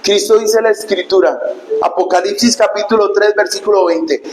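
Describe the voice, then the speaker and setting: A male pastor preaching a sermon, emphatic and dramatic, breaking into shouts. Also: high-pitched, fairly even intonation, normal speed, reverberant, rough recording. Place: church.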